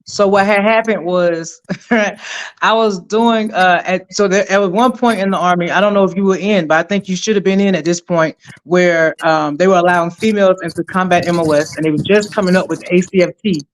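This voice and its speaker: Energetic middle-aged woman telling stories. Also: fairly low pitch, a little fast. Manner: energetic, emphatic, animated storyteller. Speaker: podcast guest, retired army sergeant. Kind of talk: conversational interview storytelling.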